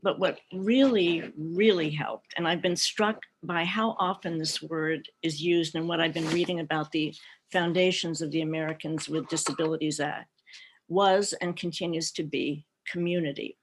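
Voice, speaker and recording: A woman's voice: sits low, fairly even intonation, moderate pace, a little hiss or hum. A middle-aged woman speaking on an online panel, telling her family's story in a reflective way with light laughter, heard over a video call. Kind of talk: personal talk at an online panel.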